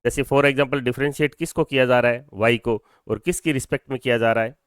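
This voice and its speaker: A mid-range, clean-toned voice with fairly even intonation and a brisk pace belongs to a man over twenty-two giving a physics lecture in Hindi mixed with English. The clean studio sound has no room sound. He explains in steps, answers his own questions, and has the class repeat terms back.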